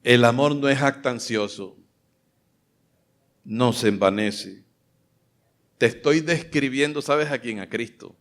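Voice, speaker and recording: A pastor delivers a fervent sermon, his voice rising into loud declarations and then dropping to soft, intimate asides. He speaks in a middle register. His delivery is heartfelt and expressive. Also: mid-range voice, takes it slowly, long pauses. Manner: fervent preaching, swings between loud exclamations and soft asides.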